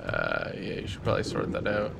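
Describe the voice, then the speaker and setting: A man's voice: on the low side, huge pitch swings, brisk, creaky, over a noisy crowd. A man playing a co-op survival game, talking casually and practically with mild exclamations. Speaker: co-op gaming partner. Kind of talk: casual let's-play chat.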